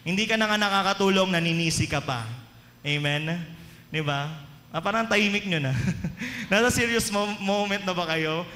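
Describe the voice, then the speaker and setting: A man's voice: high-pitched, moderate pace, pushed and bright. A man with a Filipino accent, preaching a sermon and often asking the congregation questions. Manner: mixes Tagalog and English, asks the congregation questions. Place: church hall. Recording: echoey hall with long reverb.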